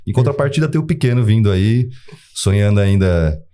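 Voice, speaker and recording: A young man in his twenties talks easily as a podcast guest, his voice low and mellow. He tells family stories in a relaxed way and laughs readily. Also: fairly quick. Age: 20s. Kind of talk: podcast conversation.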